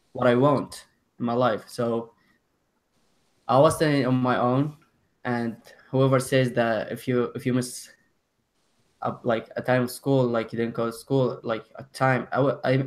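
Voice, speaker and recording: Teen boy from Syria, flat voice. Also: mid-range voice. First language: Arabic. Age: teens. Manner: halting, many "like" fillers, self-corrections. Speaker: student panelist. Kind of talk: telling his story on a panel.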